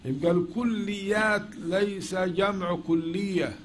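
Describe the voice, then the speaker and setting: Man, Egyptian accent, classroom lecture, questions the students, higher voice, faint noise. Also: fairly even intonation, takes it slowly. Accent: Egyptian Arabic. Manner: asks questions and answers them himself. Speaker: teacher of logic.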